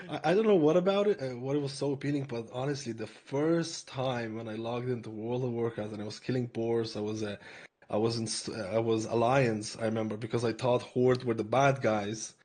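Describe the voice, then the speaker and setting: A young man from Lithuania with a mixed Irish accent, chatting casually as a podcast guest and telling stories in a relaxed way. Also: medium pitch, moderate pace, breathy edge. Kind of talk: casual interview chat.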